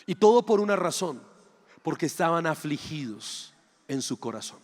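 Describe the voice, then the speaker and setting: A man's voice: fairly high pitch, big pitch swings, moderate pace. A man preaching a sermon, acting out little dialogues and firing rhetorical questions. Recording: long hall reverb.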